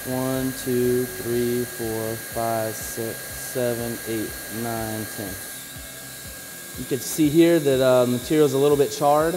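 A man who installs flooring, giving a casual on-the-job demonstration, relaxed and practical as he talks while working. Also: mid-range voice, noisy background. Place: indoor work floor.

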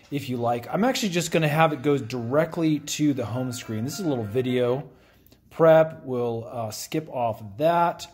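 A man with a mid-pitched, everyday voice talks a viewer through a phone setup. He is friendly and explains each step plainly. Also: darkish tone. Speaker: tech tutorial host. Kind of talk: hands-on phone tutorial.

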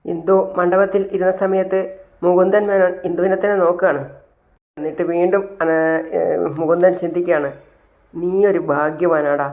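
A storyteller casually retelling a television serial, animated and switching between characters. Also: medium pitch, brisk, long pauses.

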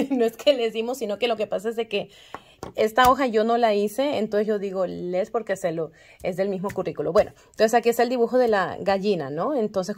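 A woman who teaches kindergarten walks parents through the week's classroom activities in an easygoing, chatty way. Her speech is full of small fillers and quick self-corrections. She often slows down to stretch words out syllable by syllable, and her voice sits at an ordinary middle pitch. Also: a little mellow. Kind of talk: casual explanation to parents.

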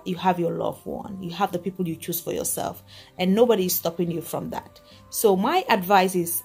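A young woman talks straight to her phone, held at arm's length. Her voice is slightly husky and sits at a middle pitch, and her delivery is loose and chatty. A faint bed of music plays underneath. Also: darkish tone. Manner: chatty, addresses viewers as guys. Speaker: gossip vlogger. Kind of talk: casual chat to viewers. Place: back seat of a car.

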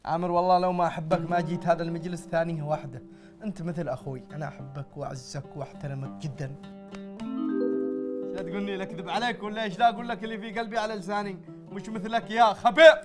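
A man's voice: high voice, steady tone, natural voice. A man playing a blustering father, Uncle Naji. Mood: teasing. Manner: loud, exasperated, rapid cursing. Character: blustering middle-aged father, quick to curse. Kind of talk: comedy sketch acting. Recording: music playing behind the voice.

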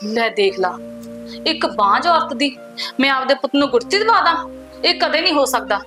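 A woman's voice: high-pitched, expressive, moderate pace, pushed and bright, faint music behind. A woman with an Indian Punjabi accent playing a spiteful young mother who scorns her sister-in-law. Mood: scornful. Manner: cutting, contemptuous. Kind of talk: village family short film acting.

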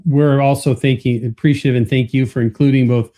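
A man's voice: mid-range voice, steady tone, a little fast, warm tone. A man co-hosting a podcast, friendly and casual, often repeating words as he starts a thought. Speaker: podcast co-host. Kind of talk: casual chat.

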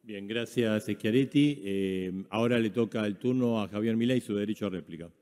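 A man, moderating a debate in a measured way with hesitant fillers. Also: lowish voice, mellow. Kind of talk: formal moderation. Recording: long hall reverb.

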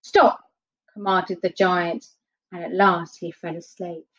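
A woman reading a children's fairy tale aloud, expressive and unhurried. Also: on the low side, husky. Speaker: storyteller. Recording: dull lo-fi recording.

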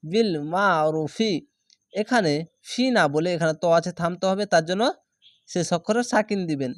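A man's voice: sits high, a little fast, no echo, clean studio sound. A man teaching Quran reading, spelling out each syllable patiently and repeating words for drilling. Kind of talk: slow spelling-out recitation lesson.

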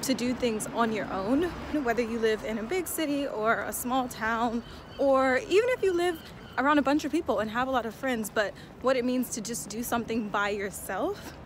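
A woman's voice: a little high, normal speed. A young woman vlogging to camera, chatty and frank, out of breath as she walks through city streets. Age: young adult. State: out of breath while walking. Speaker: vlogger and fashion student. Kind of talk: casual vlog talk to camera. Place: outdoors on busy city streets. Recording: loud street traffic noise.

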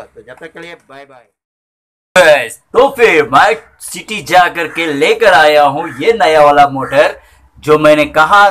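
A man's voice: fairly high pitch, a bit bright. Chatty man explaining a repair in a noisy workshop. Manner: chatty, explains step by step while working. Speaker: repair channel host. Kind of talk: casual how-to repair narration. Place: small cluttered repair workshop, indoors.

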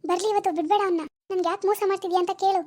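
A woman playing a scheming mother-in-law, high-voiced. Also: fairly even intonation, rapid-fire, a little mellow. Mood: concerned. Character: older mother-in-law, sympathetic but stirring trouble. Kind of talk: amateur family drama acting.

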